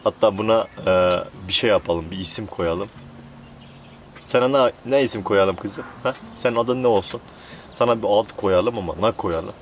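A man chats casually to camera in an outdoor poultry coop, playfully coaxing a bird and talking to his viewers. His voice sits on the low side. Hens and quails cluck clearly in the background. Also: moderate pace, a little hiss or hum. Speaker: poultry vlogger. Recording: clucking birds loud behind. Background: chickens and quails clucking.

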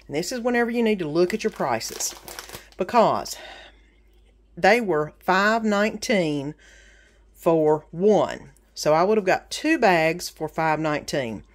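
A middle-aged woman chats casually through a grocery haul, pausing on ums and sale prices. Her voice sits a little low. She is recorded on a phone held over the counter in her home kitchen. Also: animated. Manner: chatty, practical, with frequent ums and sale prices. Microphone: phone camera over a kitchen counter.

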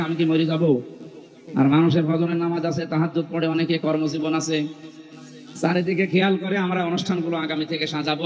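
A male preacher giving a sermon at a large open-air evening gathering, emphatic and chiding with touches of humor, through a stage microphone. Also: a little high. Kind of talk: Islamic sermon at an outdoor gathering. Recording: muffled hall echo from PA.

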